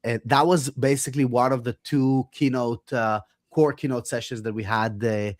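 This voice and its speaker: A man recapping a session in a casual panel chat over a video call, halting and filled with uh and um. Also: mid-range voice, steady tone, dry recording, clean studio sound. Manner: hesitant, many fillers.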